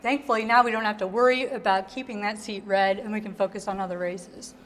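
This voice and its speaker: A woman's voice: medium pitch, fairly even intonation, a little fast, in a large hall. A woman, an attorney on a political panel, giving confident and direct analysis of election results.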